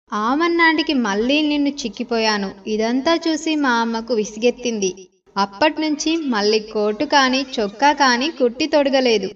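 A woman with a high voice narrates a bedtime story with lively expression. She sounds a little distant from the mic, and the recording is dull and lo-fi.

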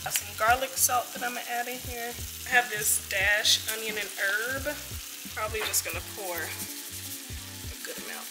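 A woman's voice: a little high, moderate pace. A young woman in her twenties chatting casually to viewers while she cooks in her home kitchen, calling them y'all. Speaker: cooking vlogger. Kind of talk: casual cooking vlog chat. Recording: music bed under voice. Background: music and frying sizzle.

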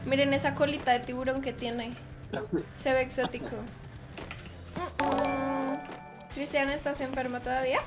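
A woman's voice: sits high, level tone, brisk, music in the background. A woman streaming a game live, teasing and chatting playfully with her viewers.

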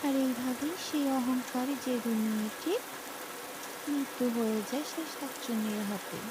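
A woman with a high-pitched voice narrates a scripted cartoon cautionary tale at a moderate pace, admonishing a child as she speaks. Rain sounds run over her voice, making the background noisy.

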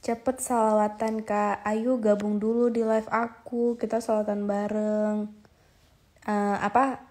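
Young woman, casual live-stream host, slow and easygoing, mid pitch, phone mic. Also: little pitch movement, darkish tone. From Aceh, Indonesia. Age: 20s. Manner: chatty, reads viewer comments aloud and coaxes viewers to join. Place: indoors, lying on a bed. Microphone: phone held at arm's length.

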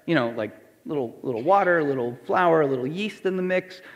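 A pastor preaches in a church sanctuary whose hall echoes, taking on the voices of the crowd and of Jesus as he quotes them. His voice is a little high and expressive, delivered at normal speed.

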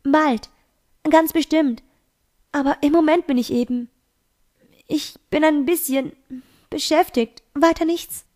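A woman's voice: high-pitched, slow pace, long pauses, darkish tone, voice pushed up. A woman voicing a secretive teenage girl who defends herself to a friend, in an amateur audiobook reading. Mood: evasive. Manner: evasive, reassuring.

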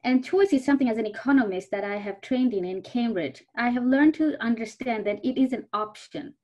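A woman's voice: a little high, brisk, mellow. Earnest woman from Bangladesh on a call. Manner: earnest, personal storytelling. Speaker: panelist, food security researcher. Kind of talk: online panel talk. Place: indoors before a virtual backdrop. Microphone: video call.

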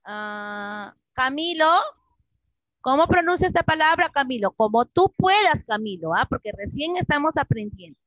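A woman English teacher leading an online class for children, patiently repeating words slowly over a video call. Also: high voice, animated, a bit bright, no room sound, highs cut off.

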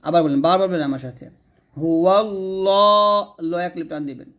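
A young Bangladeshi man teaching Quran recitation, spelling out each letter and vowel slowly and asking listeners to repeat after him. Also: on the high side, lo-fi sound. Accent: Bangladeshi Bengali. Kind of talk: slow spelled-out recitation lesson.

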